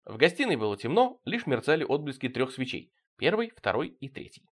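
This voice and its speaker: Expressive man reading a comic story. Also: fairly quick. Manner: expressive, dropping low on speech tags. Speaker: reader. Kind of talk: reading comic surreal prose aloud.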